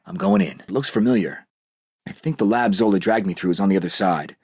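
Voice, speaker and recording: A man's voice: low voice, fairly quick, a little mellow, husky, no echo. A man playing a brave, determined young American super-soldier captain in a video game, resolute with a dry, wisecracking streak. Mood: focused, determined. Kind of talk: scripted video game voice lines.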